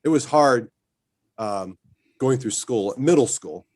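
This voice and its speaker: A man telling lively stories as a guest in a casual chat, often laughing as he talks. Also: mid-range voice, takes it slowly, dry recording. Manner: animated storyteller, laughs while telling stories.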